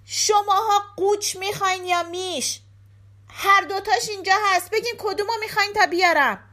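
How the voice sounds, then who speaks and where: A woman voicing Giske, a loud and foolish young man in a folk tale, shouting his lines high and loud. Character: loud foolish boy Giske, mistaken for the devil.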